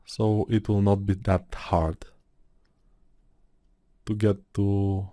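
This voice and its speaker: A man's voice: fairly low pitch, flat delivery, takes it slowly, warm tone, no echo. A man with an Eastern European accent, chatting in a meandering way while he works through a modeling tutorial, thinking aloud with many fillers. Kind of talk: casual rambling tutorial talk.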